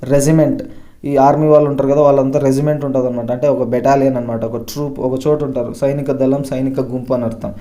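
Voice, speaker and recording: A man's voice: medium pitch, flat delivery, fast talker, hardly any pauses, mellow. A man teaching English vocabulary, going through word lists and stressing each new word before he explains it. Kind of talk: vocabulary lesson explained in Telugu.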